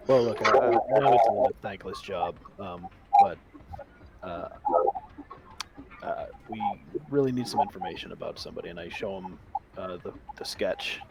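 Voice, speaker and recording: Low-voiced hesitant player, noisy line. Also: male voice, normal speed. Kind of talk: tabletop game play.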